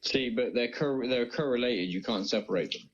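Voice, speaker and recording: A man's voice: mid-range voice, moderate pace, lo-fi sound. A man in his twenties calling into a debate stream, lecturing and arguing his point. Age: 20s. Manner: lecturing, argumentative.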